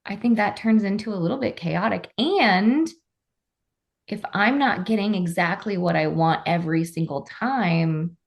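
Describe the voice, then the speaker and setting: A woman's voice: mid-range voice, unhurried, vocal fry. A woman co-hosting a podcast who teases her partner with wry, dry remarks and asks him for more detail. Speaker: podcast co-host. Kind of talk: casual conversation.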